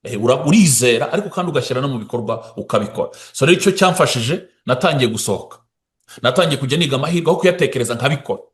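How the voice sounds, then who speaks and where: A man who speaks and interprets, talking fast and often stopping to restart his words. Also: mid-range voice, lively intonation.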